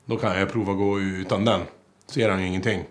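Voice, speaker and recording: A man's voice: low voice, level tone, natural voice. A man playing a crude small-town wannabe rocker. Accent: Swedish, small-town. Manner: rambling, crude, boastful, swears constantly. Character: crude small-town male wannabe rock singer, boastful and petty. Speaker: comedic character, aspiring songwriter. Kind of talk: mockumentary comedy monologue to camera.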